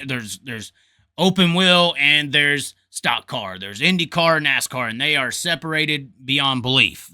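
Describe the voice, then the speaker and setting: A man with a mid-range voice, pushed and bright, hosts a motorsports talk show. His casual commentary is blunt, folksy and opinionated, with some swearing and phrases repeated for emphasis.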